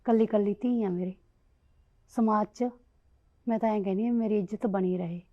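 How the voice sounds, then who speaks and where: A woman playing a worried, protective mother who loudly lectures her daughter in a family drama. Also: medium pitch, steady tone, moderate pace, highs cut off, natural voice. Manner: loud scolding, lecturing. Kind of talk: village family drama acting.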